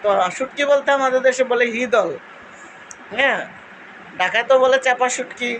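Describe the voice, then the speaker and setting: A woman's voice: sits high, steady tone, fast, fairly bright tone, low-quality recording. A woman with a Cumilla Bengali accent chats casually to her followers. She reminisces in a loose, rambling way with lots of fillers. A faint hum of noise sits behind her voice. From Cumilla, Bangladesh. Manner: rambling, nostalgic storytelling with fillers. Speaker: vlogger.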